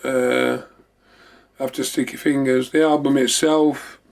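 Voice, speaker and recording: A man with a medium-pitched, level voice and some vocal fry speaks slowly as he hosts a memorabilia show. His show-and-tell chat is casual, rambling, and repetitive.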